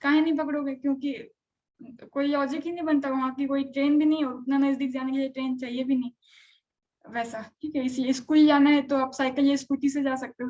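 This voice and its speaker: High-pitched woman teaching chemistry, muffled. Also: darkish tone. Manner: conversational, checks on students often. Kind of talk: live online class lecture.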